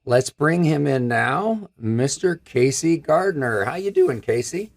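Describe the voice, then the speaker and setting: This host, a man in his fifties from Michigan with a scratchy voice, talks slowly and expressively in a slightly high register. He's presenting a product on a technical live stream from a room with a brick wall backdrop, upbeat, chatty and gesturing.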